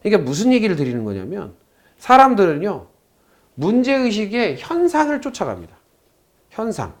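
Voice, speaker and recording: A man's voice: sits high, huge pitch swings, normal speed. A man lecturing a class on saju fortune-telling. He tells a story by acting out both sides of a phone call and puts questions to his students.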